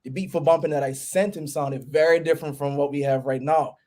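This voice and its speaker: A man with a Bermudian accent and a slightly high voice talks as an interview guest. He lays out his account in an informal, conversational way. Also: fairly even intonation, brisk, darkish tone. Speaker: guest DJ and producer. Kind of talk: casual interview chat, storytelling.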